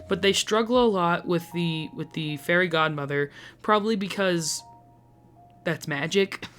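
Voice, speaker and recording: A man reviews movies in a frank, critical way, his voice hoarse and worn from a recent flu. He moves between plot recap and loose, chatty commentary with plenty of fillers. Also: high voice, a bit bright. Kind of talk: movie review narration and casual to-camera chat.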